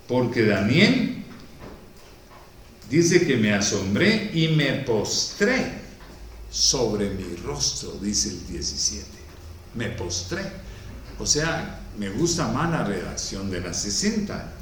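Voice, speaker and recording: A man's voice: lowish voice, distant mic, a little hiss or hum. A man preaching a sermon in a church, reading scripture aloud and stopping to explain it with emphasis. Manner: reads verses aloud, then comments on them slowly and emphatically. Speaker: pastor. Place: church hall. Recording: very echoey hall.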